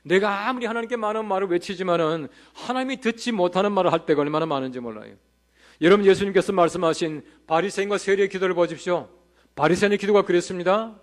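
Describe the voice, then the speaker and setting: A fast-talking male pastor with a high voice delivers a revival sermon in church, sharing funny anecdotes and putting rhetorical questions to the congregation.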